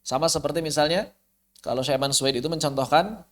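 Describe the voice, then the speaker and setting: Man, recitation teacher, online lesson, fairly high voice, rhetorical questions, slow chanted verses. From Indonesia.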